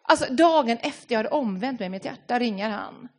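Earnest woman preaching, fairly high voice. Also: expressive. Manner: earnest, repeats words while reaching for phrasing. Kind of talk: sermon.

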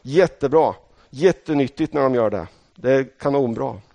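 There's no room sound around this medium-pitched, creaky, dark-toned voice. It belongs to a middle-aged Swedish man giving a sermon, chatting with the congregation directly and recounting episodes from his own life.

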